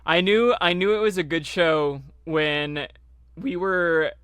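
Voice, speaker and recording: A man's voice: a little high, slow pace, a bit bright, smooth, no echo. A young man co-hosting a casual podcast, telling stories in a rambling, laughing way. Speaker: podcast co-host.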